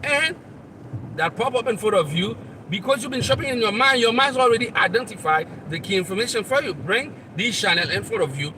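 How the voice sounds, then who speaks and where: A Haitian man with a high voice and a Haitian accent gives a live motivational talk. He speaks straight to the listener and repeats his points earnestly. He sounds distant from the mic, over loud traffic outdoors. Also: animated, brisk. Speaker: motivational coach and channel host. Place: outdoors near traffic, on the road.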